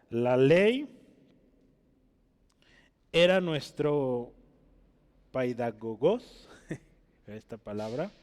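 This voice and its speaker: Male preacher, teaching sermon, emphatic rising peaks, mid pitch, church hall with long reverb. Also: darkish tone. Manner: rises to emphatic peaks on quotes and key words, frequent "¿verdad?" checks.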